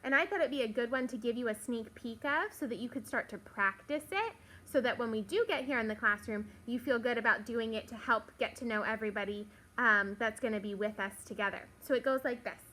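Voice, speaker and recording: A woman's voice: a little high, fairly quick, few pauses, pushed and bright. A woman teacher talking patiently to young children, encouraging them with simple words in a recorded morning meeting from her classroom. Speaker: elementary school teacher. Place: classroom, indoors.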